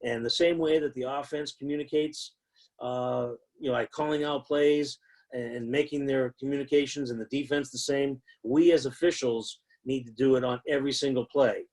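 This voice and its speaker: A man's voice: mid-range voice, steady tone, normal speed, darkish tone, poor audio. A man teaching new football officials in a conversational way, with frequent fillers and repeated emphasis. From United States. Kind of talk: instructional talk.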